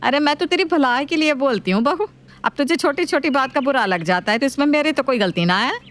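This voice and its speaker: A woman's voice: expressive, fairly bright tone. Woman doing a nagging old mother-in-law. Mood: scolding. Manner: scolding, slow and lower-voiced.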